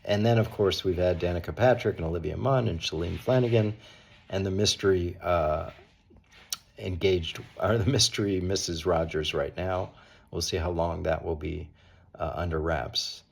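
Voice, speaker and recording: A middle-aged or older man hosts a daily show, offering conversational, opinionated sports commentary. His deep voice is cold, hoarse and slightly raspy, and he speaks at a moderate pace.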